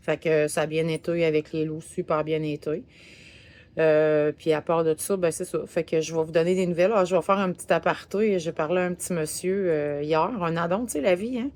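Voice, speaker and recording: Low-voiced Québécois woman rambling. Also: steady tone, fairly quick, darkish tone. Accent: Québécois French. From Quebec, Canada. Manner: rambling and chatty, with many filler words. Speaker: RV travel vlogger. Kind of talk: casual travel vlog recap. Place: parked RV in a parking lot.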